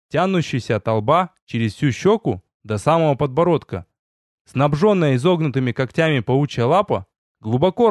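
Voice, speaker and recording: Lively male audiobook narrator. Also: mid-range voice, no room sound, studio quality. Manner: lively storytelling, with voiced dialogue. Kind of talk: first-person fantasy narration.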